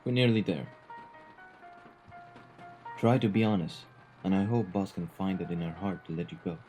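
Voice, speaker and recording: This man plays a refined, polite mafia gentleman for audio roleplay, speaking in a very low voice that still sounds close to an everyday one. His eloquent, formal phrasing comes slowly and deliberately, carrying a quiet threat under the courtesy, while faint music sits behind him. He comes across as gentle and advising.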